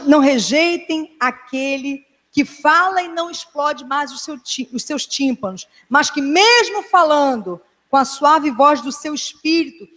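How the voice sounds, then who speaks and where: A woman pastor preaching a sermon in a church, earnest and emphatic, sometimes dropping to a hushed tone. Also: fairly high pitch. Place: church hall. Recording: long church hall reverb.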